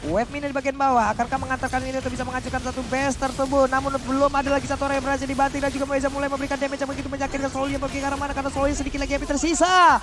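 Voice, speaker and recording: Casting: male fighting game announcer, very high voice, rapid excitable esports play-by-play. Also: music in the background. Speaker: esports match commentator. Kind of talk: live mobile game commentary. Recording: clear background noise.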